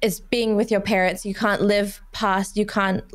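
Young woman host at a studio boom mic. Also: flat delivery, measured pace. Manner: open, personal, conversational. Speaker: podcast host. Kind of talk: casual interview chat. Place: small studio room. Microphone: studio mic on boom arm with headphones.

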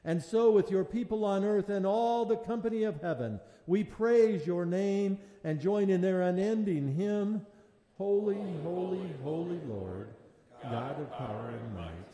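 Man, pastor, mellow tone, measured prayerful delivery, long echoing church reverb. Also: high voice. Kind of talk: sermon and communion liturgy. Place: large church sanctuary. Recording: long reverb in a large hall.

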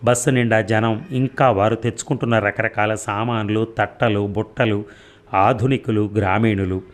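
A man narrating a serial story in a measured storytelling manner. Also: on the low side, fairly even intonation.

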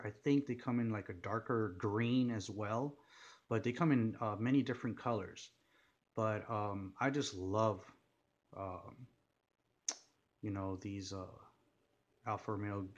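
A man speaks in a somewhat low voice in an unscripted vlog. He rambles and gushes, stacking fillers and false starts as he goes. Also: a bit bright. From United States. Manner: rambling, many fillers and restarts, gushing. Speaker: car vlogger. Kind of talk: casual unscripted monologue.

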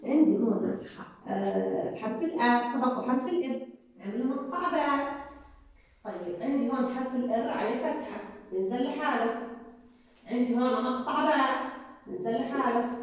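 A woman's voice: high-pitched, distant mic. Patient woman teacher in an echoey room. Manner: slow, sounding out syllables patiently. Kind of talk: early-grade reading lesson.

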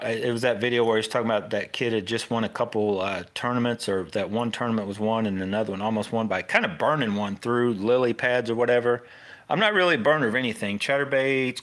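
Hosting an off-the-cuff fishing tutorial, this middle-aged American man rambles casually and keeps breaking into his own sentences. His medium-pitched voice sounds bright and forceful.

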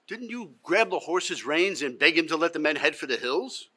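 An older man playing an aggrieved man in a theatrical dramatic monologue, reproaching someone with emphatic, accusing questions and deliberate pauses. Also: on the high side, expressive, pushed and bright. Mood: reproachful. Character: aggrieved man reproaching a former Confederate officer, accusing, sorrowful. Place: theatre stage, indoors.

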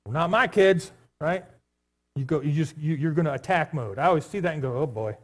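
A man with a light, higher voice preaches a sermon in a church. His delivery is loose and conversational, full of jokes and asides to the people in the pews. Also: fairly quick. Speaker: pastor. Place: church sanctuary.

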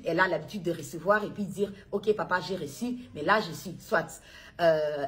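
A worried middle-aged mother from Congo, filmed at home on a phone, recounting events in a halting way with many restarts. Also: fairly low pitch. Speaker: worried mother making an appeal. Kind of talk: personal appeal video. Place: home interior, indoors. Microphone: phone at arm's length.

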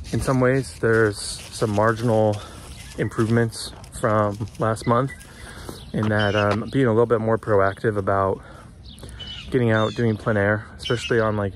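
A man's voice: on the low side, slight background noise. A man talking candidly to camera in a casual art vlog, rambling and frustrated. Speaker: artist vlogger. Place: outdoors on a city street, then indoors.

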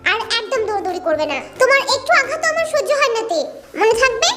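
A woman's voice: extremely high pitch, sing-song, fast talker, over loud music. A woman voicing an exasperated young male doctor who fusses over his wife. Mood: tender scolding. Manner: fussing and protective, then whiny complaining.

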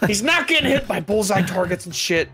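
An excitable man in casual gaming banter, swearing freely. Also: high-pitched, a little fast, loud music behind the voice. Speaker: gamer in a group.

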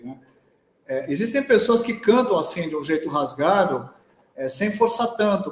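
In an echoey room, a male singer who also teaches voice chats through a live talk, his Brazilian Portuguese accent clear and his sentences frequently ending in "né?". His voice sits a little high.

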